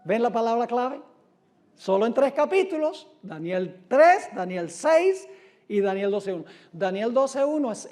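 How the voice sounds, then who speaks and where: A man preaching a sermon who reads scripture aloud with dramatic, drawn-out emphasis and asks his listeners rhetorical questions. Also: high-pitched, dark tone.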